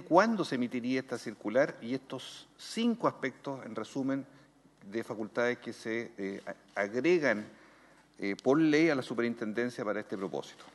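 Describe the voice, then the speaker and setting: Chilean male chair, formal and brisk, reverberant chamber. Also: medium pitch. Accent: Chilean Spanish. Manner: detailed questioning, brisk. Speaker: committee chair. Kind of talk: formal committee proceedings. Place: senate committee room. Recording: long reverb in a hall.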